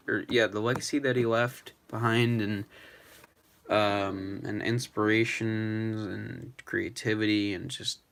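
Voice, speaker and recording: Young guy rambling on a live stream, lowish voice, keeps restarting his sentences. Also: fairly bright tone. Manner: rambling, halting, many restarts. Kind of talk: emotional live-stream tribute chat.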